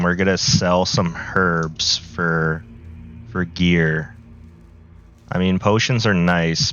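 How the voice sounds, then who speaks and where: This gaming video creator has a low, gravelly voice that sounds a little worn as he recovers from the flu. He plays and comments slowly, relaxed and rambling, with plenty of filler words. His home recording is lo-fi, slightly dull and somewhat muffled.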